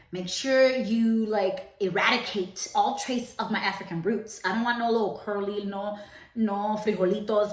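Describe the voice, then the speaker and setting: A woman's voice: medium pitch, echoey room. A young woman from Cuba, a podcast co-host, telling a personal story in a casual, candid vlog. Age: young adult. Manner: chatty and candid, switches between quick and slow emphatic phrasing.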